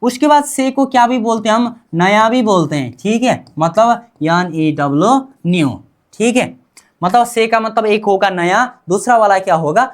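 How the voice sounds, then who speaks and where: A woman's voice: mid-range voice, normal speed. A woman teaching a language class, repeating sounds and asking and answering her own questions. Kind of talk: classroom-style language lesson.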